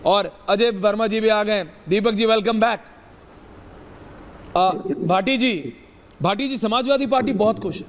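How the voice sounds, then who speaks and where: A man's voice: high-pitched, unhurried, pauses often, long reverb tail. A man anchoring a TV debate, emphatic and mixing English phrases into his speech. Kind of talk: TV debate hosting.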